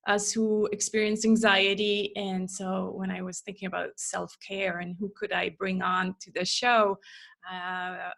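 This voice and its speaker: A woman hosting a podcast, introducing her guest and asking gently inviting questions. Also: mid-range voice, level tone, a little slow, creaky. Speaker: podcast host. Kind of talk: conversational interview.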